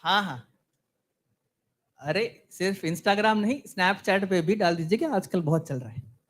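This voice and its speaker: A man's voice: high-pitched, expressive, takes it slowly, a bit bright, full character voice. A man playing a talkative young content writer on a date in a scripted comedy sketch, preachy and fawning.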